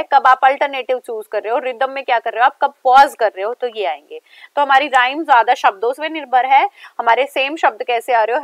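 A woman teacher with an Indian accent, explaining step by step in a lecture that mixes Hindi and English and slowing down whenever she reads English lines aloud. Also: sits high, no echo. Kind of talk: exam-prep lecture mixing Hindi and English.

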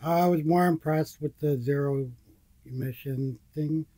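Husky, laid-back man co-hosting. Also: on the high side, a little slow, warm tone, no echo. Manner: laid-back, loose and rambling. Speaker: reaction video co-host. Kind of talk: casual reaction chat. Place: small indoor room with posters.

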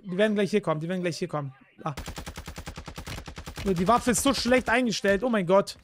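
A man's voice: sits high, animated, fairly quick, a little hiss or hum. A man, chatting casually and swearing while streaming a game from a close desk mic. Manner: grumbling, swearing, slangy. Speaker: gaming streamer. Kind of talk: casual live gameplay chat. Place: indoor room at a gaming setup. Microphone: desk microphone close up, with headset.

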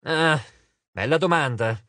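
A man's voice: fairly high pitch, slow pace, pushed and bright, dry recording. A man voicing a vain, lordly male god of wine in an audiobook, drawling and dismissive. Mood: drawling, bored. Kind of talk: audiobook character voice.

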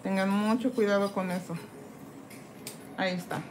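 A woman's voice: mid-range voice, steady tone, moderate pace, slight background noise. A woman from Mexico doing casual live-stream chat as she files acrylic off her own nails, reading viewer comments aloud and greeting each one by name. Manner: chatty, reads viewer comments aloud and greets them while working. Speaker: nail tech streamer. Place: indoors at a nail desk.

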